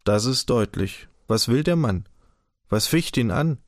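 A man's voice: mid-range voice, lively intonation, dry recording, studio quality, natural voice. A man voicing a touchy, suspicious scholar who speaks dismissively and bitterly in an audiobook. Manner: dismissive, bitter, quick to indignation.

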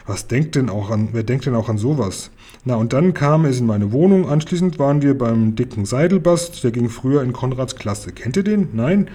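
A man's voice: mid-range voice, animated, moderate pace, mellow, lightly acted. A man reading a children's story and voicing a cheerful, eccentric middle-aged pharmacist uncle who talks in a jolly, cheeky way. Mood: boastful.

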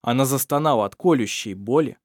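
Here a male audiobook narrator delivers scripted text at a steady, measured storytelling pace. His voice is mid-range, with no echo and clean studio sound.

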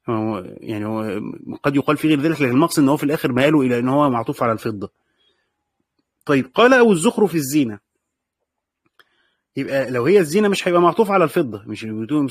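A man with an Egyptian accent teaching a classical text, repeating key phrases, reading quotations slowly and checking with the class through short questions. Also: mid-range voice, husky, no echo, studio quality. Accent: Egyptian Arabic. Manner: reads quoted passages slowly.

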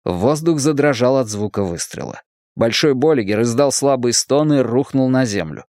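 A man narrating an audiobook in an expressive, storytelling way. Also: medium pitch, moderate pace, no room sound, studio quality. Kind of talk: scripted narration.

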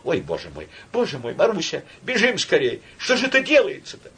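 A thin-voiced, frantic agitator who yells shrill and whiny, pitched far above a normal speaking voice, as a reader puts him on. His tone lurches all over the place, and there is a husky edge to it. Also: huge pitch swings, moderate pace, heavily acted. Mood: panicked. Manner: shrill, panicky yelling.

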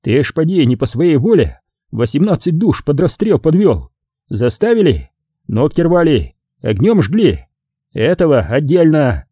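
A man voicing a gruff middle-aged partisan commander who gives curt, commanding orders. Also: on the high side, sing-song, a little slow, mellow, dry recording, studio quality, pitched above the performer's own voice, exaggerated voice.

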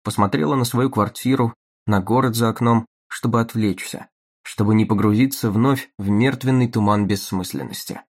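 A man narrating an audiobook in a measured, even reading manner. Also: on the low side. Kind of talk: scripted narration.

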